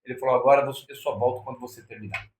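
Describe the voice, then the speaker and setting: A man's voice: mid-range voice, racing. Brazilian man telling a story. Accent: Brazilian Portuguese. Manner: acts out quoted dialogue in lively, shifting voices. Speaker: interview guest. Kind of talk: anecdotal storytelling. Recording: echoey room.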